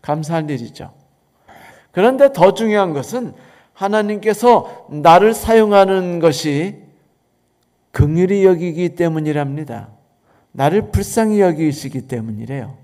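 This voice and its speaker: Man, pastor, high voice, conversational sermon, rhetorical questions. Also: expressive, measured pace, warm tone.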